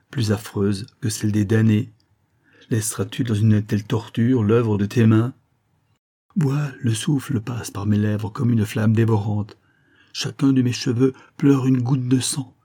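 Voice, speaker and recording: A man's voice: on the low side, warm tone. A man reading an audiobook, voicing a lovesick young man who pleads and laments in despair. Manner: plaintive, pleading.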